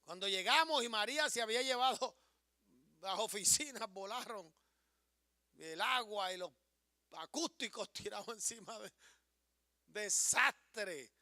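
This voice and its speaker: High-voiced impassioned pastor. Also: male voice, unhurried, pauses often, dry recording, studio quality. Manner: impassioned, swings from hushed storytelling to rising declarations. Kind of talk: sermon.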